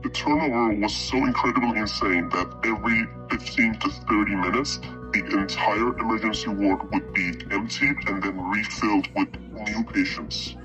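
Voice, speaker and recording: A man giving interview testimony as a doctor, his voice electronically altered into a disguised deep voice. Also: moderate pace. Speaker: doctor giving witness account. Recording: dull lo-fi audio with music behind. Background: music.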